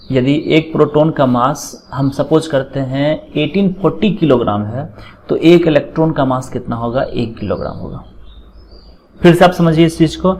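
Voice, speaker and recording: A man giving a chemistry lecture, explaining slowly, checking in often and dictating formulas word by word. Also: fairly high pitch, darkish tone, a little hiss or hum, low-quality recording. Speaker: chemistry teacher. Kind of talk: classroom lecture.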